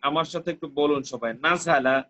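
A man's voice: on the high side, normal speed, bright, forceful tone. A male teacher giving an online recitation lesson on a video call, patiently drilling syllables and repeating corrections. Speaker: Quran Arabic teacher. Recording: dull lo-fi call audio.

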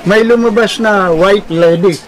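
High-voiced Filipino man telling jokes. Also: unhurried, a little hiss or hum. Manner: animated storytelling, acting out quoted characters. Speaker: joke teller. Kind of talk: casual joke telling.

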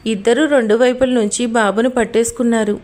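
Lively woman storyteller, somewhat high voice. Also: a little fast. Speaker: audio story narrator. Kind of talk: storytelling narration.

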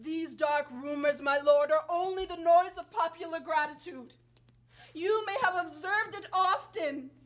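A woman's voice: extremely high pitch, measured pace, a bit bright. A young woman acting a wronged, vengeful foreign princess on stage, speaking with impassioned, tearful bitterness. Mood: pleading. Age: young adult. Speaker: student stage actor.

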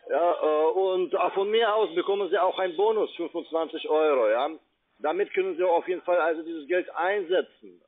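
Over a tinny, narrowband phone line, a man with a foreign accent and a fairly high voice makes an investment sales pitch from a call centre. His first language isn't German, and he speaks haltingly and repetitively, leaning on tag-question fillers.

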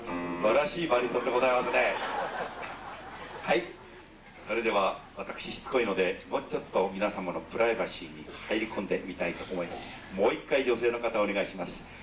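Middle-aged man emceeing a live sing-along, polite and teasing, far from the mic in a roomy hall with loud music. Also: on the low side, fairly quick. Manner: jokey, overly polite, teasing the audience. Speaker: entertainer leading an audience sing-along. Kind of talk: live stage banter with call-and-response singing. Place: ship's concert hall with an audience. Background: instrumental music.

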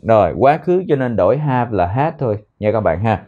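A man's voice: lowish voice, expressive, narrow, tinny audio. Vietnamese man drilling English words. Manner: repeats words slowly, drilling pronunciation. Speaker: English teacher. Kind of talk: language lesson explaining phrases.

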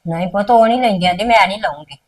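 A woman plays an elderly grandmother who speaks softly and pleads, patient even when she is scolded. Her voice sits at an ordinary pitch for a woman and is picked up from a little way off the mic. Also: rapid-fire, recorded from a distance, natural voice. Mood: pleading. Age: older. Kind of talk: amateur drama acting.

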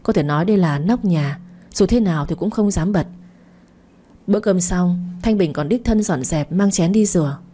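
A woman narrating a romance story for a late-night radio channel in a calm, even storytelling manner. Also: on the low side, normal speed, slightly rough.

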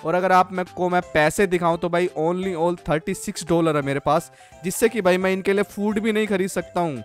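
A man's voice: high voice, fairly even intonation, a little fast, faint music behind. A man giving casual, chatty commentary over his farming game, constantly addressing his viewers as friends. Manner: chatty, keeps calling viewers "guys" and "bhai". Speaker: gaming channel host.

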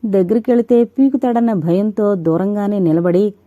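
A woman reading a novel aloud in steady scripted narration. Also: medium pitch, normal speed, dry recording, dull audio. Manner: steady storytelling. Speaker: audiobook narrator.

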